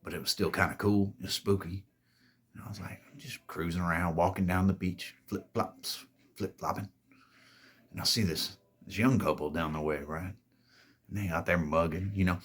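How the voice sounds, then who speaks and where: Man, very low voice, raspy, storytime host, boastful, swears a lot, rambling. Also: fairly even intonation, normal speed, fairly bright tone. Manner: boastful, profane, calls viewers "babies"; laid-back, rambling delivery with self-corrections. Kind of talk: storytime monologue.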